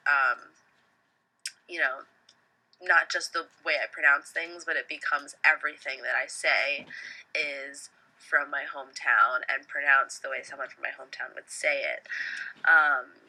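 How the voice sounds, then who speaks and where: A woman's voice: low voice, bright, forceful tone, poor audio. A young adult woman with a Long Island accent, a college student giving a reflective, informal personal monologue in an earnest, hesitant way. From Long Island, New York, United States.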